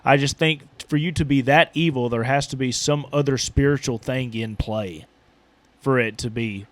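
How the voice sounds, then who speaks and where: A man's voice: medium pitch, normal speed, no echo. A man hosting a casual podcast chat who talks hesitantly, stumbling and repeating his words as he questions his co-host, recorded in a small building.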